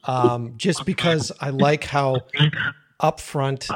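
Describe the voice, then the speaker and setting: A man's voice: mid-range voice, takes it slowly. A man hosting a casual conversation in an enthusiastic, slangy way, swearing freely. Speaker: podcast host. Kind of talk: casual chat.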